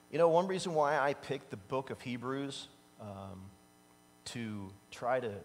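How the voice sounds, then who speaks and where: A pastor in his fifties, voice on the high side, gives an easygoing, conversational sermon from the pulpit, animated as he tells personal stories and chuckles at himself. He's on a large church sanctuary stage at a standing pulpit mic, with a far camera and long reverb from the church hall.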